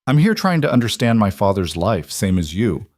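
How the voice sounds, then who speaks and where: A man voicing a frightened young woman in an audiobook, keeping her voice strained but steady. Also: lowish voice, normal speed, no room sound, clean studio sound. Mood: tense. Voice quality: strained, trying to stay steady.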